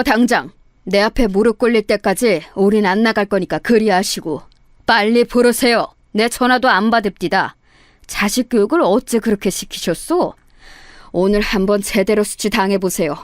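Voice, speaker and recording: A woman's voice: on the high side, moderate pace, dry recording, studio quality, close to an everyday voice. A woman voicing a blunt, commanding older father-in-law making demands. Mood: stern.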